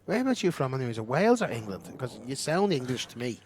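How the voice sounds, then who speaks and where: A middle-aged Irish man calls a pool match with loose, boastful banter. His voice sits at an ordinary pitch, and a faint hum of noise runs underneath. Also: big pitch swings, quick pace. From Ireland. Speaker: commentator. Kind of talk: casual pool commentary.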